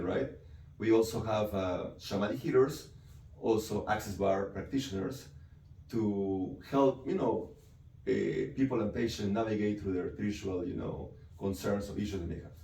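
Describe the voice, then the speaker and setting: A Peruvian man, a psychiatrist, answers an interview in a deep, mellow voice, explaining things and often slipping in "right?" or "you know." The audio is distant and echoey, with a faint hiss in the background.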